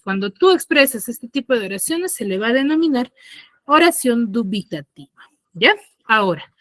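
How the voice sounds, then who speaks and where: A woman's voice: medium pitch, fairly bright tone, dry recording. A woman teacher giving an online grammar lesson on a video call, patiently checking in with her pupils after each point. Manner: patient, asks pupils frequent check-in questions.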